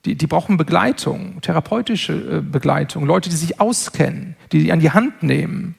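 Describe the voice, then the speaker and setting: High-voiced, gravelly man lecturing earnestly. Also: expressive. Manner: measured, earnest, with frequent word repetitions. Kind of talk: spoken lecture.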